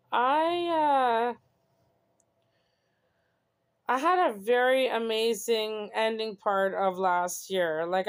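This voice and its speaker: Earnest young woman, smooth voice. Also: medium pitch. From Canada. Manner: earnest, reflective, rambling with many "you know"s. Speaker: host. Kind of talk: casual personal monologue.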